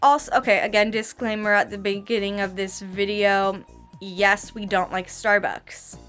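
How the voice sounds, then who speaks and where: Speaking at a normal speed with fairly even intonation, this twenty-one-year-old woman has a medium-pitched, slightly bright voice and a slight lisp, with faint music in the background. In her casual vlog she rants about working as a barista, where she also trains others, using lots of slang, sounding exasperated, and asking "okay?" again and again.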